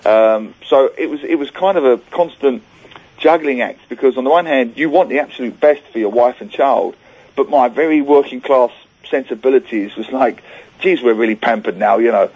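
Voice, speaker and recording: A man's voice: medium pitch, moderate pace, breathy edge, phone-quality sound. A man who grew up in Singapore, a book author guest on a radio show, telling chatty self-deprecating stories and acting out quoted lines. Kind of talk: radio interview, phone-in guest.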